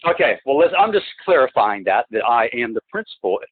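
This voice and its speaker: A man on a phone call who talks in a halting, rambling way, restarting and repeating words, and presses his complaints insistently, heard through a phone line. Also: medium pitch, very animated. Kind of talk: phone conversation. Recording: tinny, dry phone-line recording.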